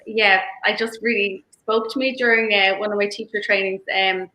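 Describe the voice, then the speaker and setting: A woman's voice: medium pitch, fairly even intonation, moderate pace, bright, forceful tone. A woman speaking reflectively and informally as a yoga teacher being interviewed. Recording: roomy, echoey sound.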